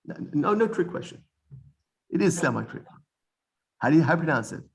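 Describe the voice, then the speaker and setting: A man teaching an informal Bible study lesson, animated, often repeating words and restarting sentences. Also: on the high side, brisk, gravelly.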